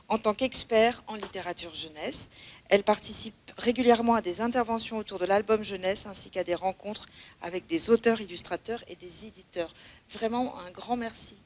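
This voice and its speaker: Woman host reading an intro, measured and formal, faint hiss behind. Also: mid-range voice. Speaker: event host.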